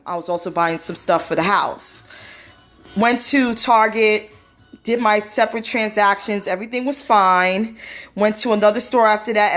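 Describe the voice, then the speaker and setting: A woman hosting a casual phone live stream, telling a personal story in a talkative way with many fillers. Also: medium pitch.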